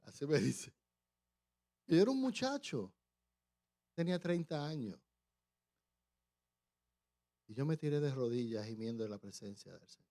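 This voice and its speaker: Preacher telling a testimony. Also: male voice, mid-range voice, very animated, warm tone. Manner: storytelling, halting restarts, acts out voices. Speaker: pastor. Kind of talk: testimony sermon. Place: church.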